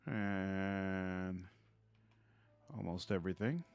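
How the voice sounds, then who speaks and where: Male streamer, lowish voice, casually muses through live gameplay over soft background music. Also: fairly even intonation, slow, smooth. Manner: thinking aloud, trailing off. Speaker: game streamer.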